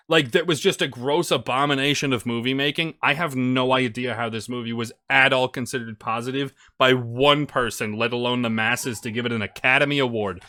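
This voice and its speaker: A man co-hosting a podcast, ranting loudly and swearing in a heated casual review. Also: mid-range voice, no echo, studio quality. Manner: loud, ranting, swearing, exasperated. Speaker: podcast co-host.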